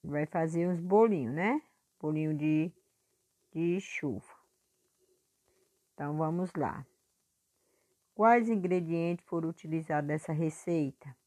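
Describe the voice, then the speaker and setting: Slow patient teacher woman. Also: low-pitched, mellow. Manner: slow, patient, stresses syllables by stretching words. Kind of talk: recorded class review for pupils.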